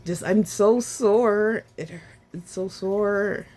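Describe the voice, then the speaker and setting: A woman vlogging casually about her recovery, sore and short of breath, with a sore throat, talking haltingly with sighs and restarts. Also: mid-range voice, darkish tone. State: sore and winded after surgery.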